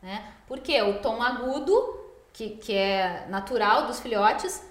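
A woman's voice: on the high side, lively intonation, slow pace. A woman dog trainer explaining behaviour in a podcast, teaching patiently and ending points with tag questions. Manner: didactic, frequent tag questions. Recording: roomy echoey studio room.

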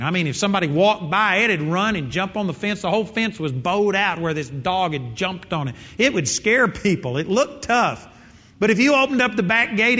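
A man's voice: high voice, fairly bright tone. Man, sermon, emphatic and repetitive, long hall reverb, muffled sound. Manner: earnest, emphatic, repeats key phrases. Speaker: preacher.

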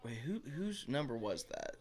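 A man talks loosely as a podcast guest, laughing often and cracking jokes at his own expense. His pitch rises and falls in lively swings, and the swearing flows casually. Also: normal speed. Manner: laughing, self-deprecating, swearing. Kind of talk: casual chat.

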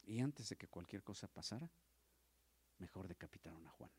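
Animated male pastor teaching. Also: low voice, normal speed, breathy edge. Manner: animated, acts out quotes with sudden loud rises and soft near-whispers; asks the audience questions, repeats words. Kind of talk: Bible study teaching.

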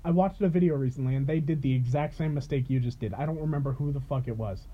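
A man's voice: mid-range voice, fast talker. A man co-hosting a casual podcast chat, joking, teasing and swearing freely. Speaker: podcast co-host. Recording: dull lo-fi sound.

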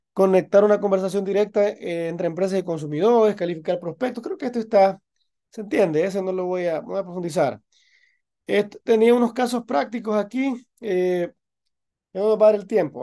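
A man's voice: sits high, warm tone. A man teaching an online class, explaining concepts in an encouraging way, with frequent restarts. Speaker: university instructor.

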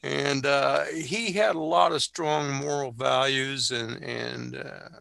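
Older male guest with a heavily gravelly, bright voice in a dry room, a halting, reflective storyteller. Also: medium pitch, steady tone, no echo. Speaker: guest, Navy veteran. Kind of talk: casual conversation and storytelling.

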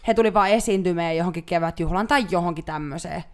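A young woman with a lowish, smooth and clear voice chats casually as a podcast co-host. She rambles through her stories with plenty of fillers and restarts, easygoing and talkative. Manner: rambling, chatty storytelling with many fillers. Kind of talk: casual chat.

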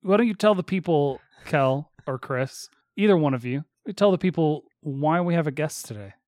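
Teasing male podcast host, slightly high voice. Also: expressive, normal speed, a little mellow, dry recording. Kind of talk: casual bantering podcast chat.

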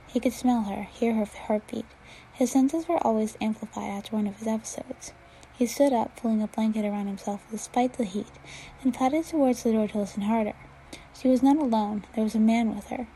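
A woman reading a fan fiction chapter aloud at a steady pace, now and then stumbling and restarting a word. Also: fairly high pitch, slight background noise, low-quality recording. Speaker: reader.

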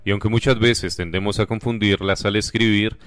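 Young guy reading a mock news bit, fairly low smooth voice, dry close sound. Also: flat delivery, normal speed, a bit bright, dry recording. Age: young adult. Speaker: mock reporter. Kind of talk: student mock news report.

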